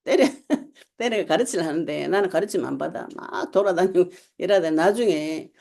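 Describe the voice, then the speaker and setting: Woman pastor, lively sermon delivery, low and mellow. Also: normal speed, vocal fry. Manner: animated storytelling preacher, acts out quotes, laughs often. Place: online church service.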